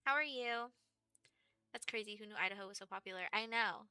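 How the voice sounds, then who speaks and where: Young woman streamer from Texas, crisp and sharp tone, dry close sound, chatty and rambling. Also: medium pitch, a little fast, no room sound. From Texas, USA. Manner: rambling, chatty, many fillers like "like" and "um". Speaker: livestreamer. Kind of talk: casual stream chat.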